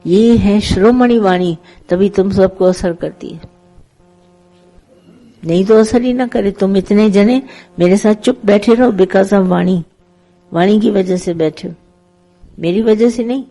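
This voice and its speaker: Mellow-voiced woman giving a spiritual talk. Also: medium pitch, unhurried, pauses often. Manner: conversational, gently instructive, tells parables with acted dialogue. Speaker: spiritual teacher. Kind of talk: satsang sermon.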